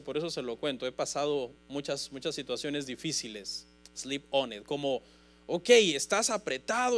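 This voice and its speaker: A man preaching a sermon as pastor of a church congregation, earnest and emphatic, often calling his listeners "brother". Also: high-pitched.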